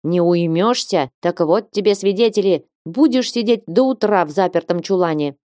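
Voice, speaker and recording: A woman's voice: fairly low pitch, normal speed, mellow, dry recording, studio quality, close to an everyday voice. A woman voicing a strict older woman who firmly admonishes an unruly nun. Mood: admonishing. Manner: firm, admonishing.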